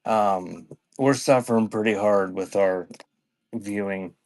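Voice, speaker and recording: A man selling cassette tapes in a live online auction rambles casually on his stream, thinking out loud and often breaking off mid-sentence. His lowish voice is creaky with a darkish tone, and he takes his time.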